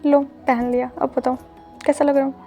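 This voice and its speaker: A woman's voice: sits high, level tone, moderate pace, warm tone, faint music behind. A woman voicing a flustered young man in love in a told fan-fiction story. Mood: playful.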